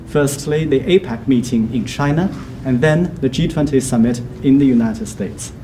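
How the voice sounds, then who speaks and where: A man gives a translation voice-over, interpreting a speech in steady, measured phrases at an ordinary pitch. Constant room ambience and noise sit clearly behind him in this clip.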